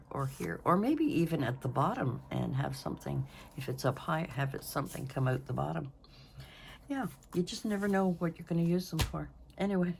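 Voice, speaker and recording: A woman's voice: low voice, a little hiss or hum. A woman in her sixties hosting a craft video, rambling and thinking aloud in a self-deprecating way as she works. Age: 60s. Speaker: craft channel host. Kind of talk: casual crafting talk-through.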